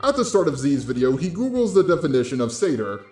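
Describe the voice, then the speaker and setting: Fast and fairly high-pitched, with a darkish tone and big swings in pitch, this man speaks directly to his audience in blunt, casual scripted commentary. He runs online drama commentary videos, recorded with a roomy echo and music below.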